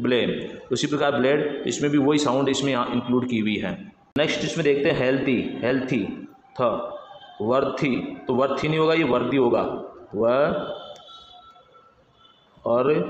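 A man's voice: mid-range voice, muffled recording. A man teaching English pronunciation, explaining patiently and spelling words out letter by letter. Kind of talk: explanatory lesson. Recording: echoey room with faint background noise.

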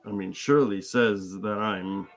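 A man's voice: on the low side, fairly even intonation, unhurried. A man with an Indian accent hosting a film watch-along, making wry joking asides. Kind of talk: casual chat.

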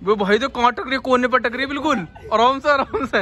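A young man from India in casual vlog commentary on an outdoor city rooftop, recorded on a handheld phone, excitable and often laughing as he urges a friend on. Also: very high-pitched, brisk. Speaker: vlogger. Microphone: phone camera held by the speaker.

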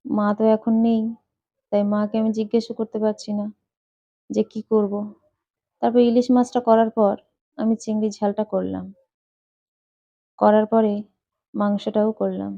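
A woman's voice: mid-range voice, flat delivery, normal speed, gravelly, pauses often, dark tone, no room sound, highs cut off. Woman telling a personal story. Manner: plain, earnest storytelling.

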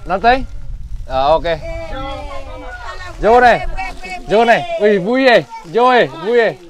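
A vlog host with a Northern Vietnamese accent narrates a casual handheld vlog outdoors in a village, chatting playfully and teasing as he talks to his viewers. His voice is high-pitched, animated and a little slow, with a crowd of children behind him.

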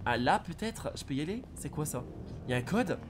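A young man streaming a game, reacting excitedly and shouting at the action. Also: a little high, a little fast, background noise. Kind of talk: live gameplay commentary.

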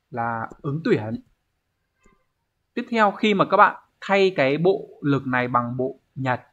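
A man's voice: medium pitch, a bit bright. A man teaching an online exam review lesson, explaining step by step and often checking in with his students. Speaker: Japanese teacher. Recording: dull lo-fi recording.

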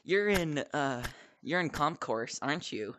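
A young woman streaming a game, chatting casually, shouting and half-singing as she plays. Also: low-pitched, a little slow, slight background noise. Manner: excitable, shouts and half-sings while playing. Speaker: gaming streamer. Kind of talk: casual gameplay commentary.

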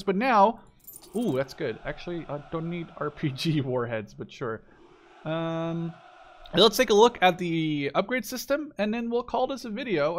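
A man with a high, slightly bright voice hosts a gaming video, casually reacting to gameplay, thinking aloud, and swearing mildly. Gunfire from the game and clicks can be heard behind him.

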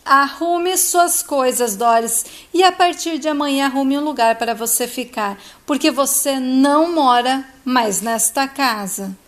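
A stern, exasperated middle-aged father lays down the law in firm, scolding bursts, as a woman retelling a soap opera plays him. The voice stays high throughout, and he repeats himself when angry. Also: expressive, a little slow. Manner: firm, scolding, repetitive outbursts.

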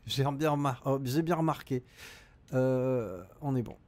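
A man's voice: mid-range voice, measured pace, darkish tone, a little hiss or hum. A middle-aged man streaming a game live, reading out chat and thinking aloud with frequent hesitations.

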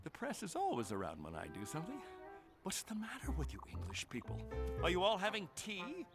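A man with an American accent voicing a vain, panicky hero dog in an animated film, pompous and theatrical. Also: high voice, fairly quick, heavily acted. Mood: frustrated. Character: vain, panicky adult male hero dog, hammy TV star. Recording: film soundtrack with music behind.

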